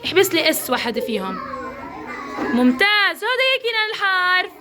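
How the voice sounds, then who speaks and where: A kindergarten teacher with a Levantine Arabic accent encourages her class and praises each child by name. Her voice is very high, swings widely in pitch, and moves fairly quickly.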